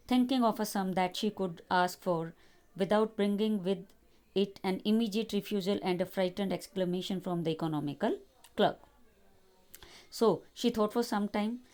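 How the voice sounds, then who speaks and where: A woman's voice: mid-range voice, a little mellow. A woman teacher, reading a short story aloud to her class and explaining each passage in simple words.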